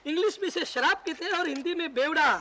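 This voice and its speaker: A man's voice: very high voice, quick pace, noisy background. A man playing a cheeky, teasing younger brother-in-law in a sitcom. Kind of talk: sitcom acting.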